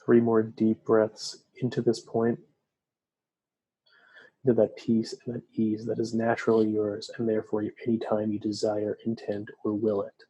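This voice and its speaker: Man, meditation guide, low flat voice, husky, soothing pace. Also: low-quality recording. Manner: slow, soft, soothing instructions.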